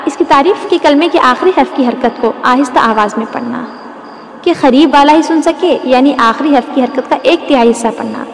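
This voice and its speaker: A woman teaching the rules of Quran recitation, explaining patiently and drawing out each example word. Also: sits high. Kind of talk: tajweed lesson with demonstrations. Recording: echoey room with long reverb.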